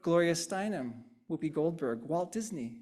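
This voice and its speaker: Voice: medium pitch, animated, moderate pace, a little mellow. A speaker giving an interactive sermon, talking conversationally, often tagging "right?" and echoing answers from the congregation. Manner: repeats and riffs on audience answers.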